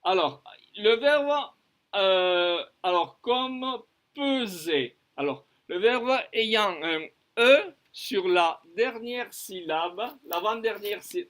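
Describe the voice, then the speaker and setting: A man teaching a lesson on verb conjugation, slowly repeating and spelling out each form. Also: high voice, pushed and bright. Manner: slow and deliberate, repeating and spelling out forms; switches between French and Spanish explanations. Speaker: French teacher.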